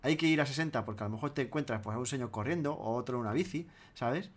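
A man hosting a casual gaming chat, ranting in a mock-serious, animated way. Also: mid-range voice, fast talker. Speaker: gaming host.

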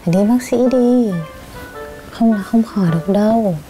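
Woman, parent talking to a small child, patient and coaxing, slightly high voice, music behind. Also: normal speed, dark tone, rough recording. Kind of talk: gentle talk with a young child. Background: background music.

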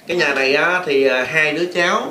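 A man's voice: fairly high pitch, fast talker. A man, hosting a casual vlog chat in a teasing, chatty way. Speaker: vlog host. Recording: roomy, noisy phone video.

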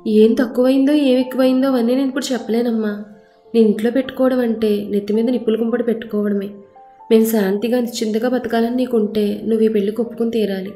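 A woman's voice: fairly high pitch, fairly even intonation, fast, echoey room, faint music behind, lightly acted. A woman storyteller voicing a defiant, angry young woman who answers back sharply. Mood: pleading. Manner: sharp, indignant retorts.

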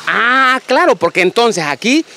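A man, presenting a children's show outdoors in an animated, enthusiastic way and interviewing. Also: very high voice, measured pace, creaky, slight background noise. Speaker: host of a children's educational show. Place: outdoors on a rural hacienda.

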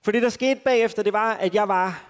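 A man with a high voice tells a personal faith story as a sermon, informal and self-mocking, full of fillers. He speaks from a festival stage, and his voice rings with a long hall reverb. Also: clear, resonant tone. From Denmark.

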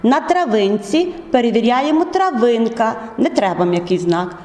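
A woman teacher explaining spelling rules step by step, in a measured, methodical way. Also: on the high side, expressive, darkish tone. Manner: measured, methodical, drawn-out words. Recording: echoey room with long reverb.

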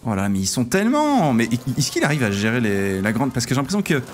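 Guy streaming a strategy game rp, excitable, keeps exclaiming, bit of background hiss. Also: mid-range voice, fast. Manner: excitable, exclamatory, thinks aloud. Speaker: streamer playing a king in a strategy game role-play. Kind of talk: live-streamed game role-play chat.

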